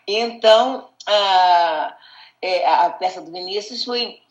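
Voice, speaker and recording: A woman's voice: fairly low pitch, slow, muffled recording. An older woman with a Brazilian accent, reminiscing conversationally as an interviewee, repeating words and adding little tag questions. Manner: hesitant, repeats words, checks with tags. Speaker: interviewee, actress. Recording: echoey room.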